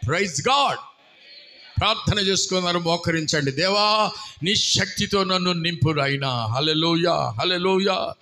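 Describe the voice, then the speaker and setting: A male pastor preaching a fiery sermon, shouting out bursts and acting out the voices of people in his stories. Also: sits high, normal speed. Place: church hall.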